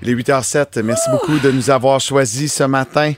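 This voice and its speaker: Upbeat joking Québécois radio host. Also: male voice, mid-range voice, wildly swooping pitch, brisk, noisy background. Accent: Québécois French. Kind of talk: casual radio banter.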